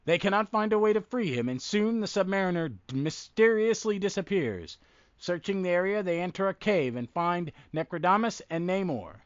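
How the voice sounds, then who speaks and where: His voice is high-pitched, smooth, and animated at a moderate pace, though a head cold leaves it froggy and congested. The fiftysomething podcast host rambles casually and interrupts his own thoughts, and the recording is muffled.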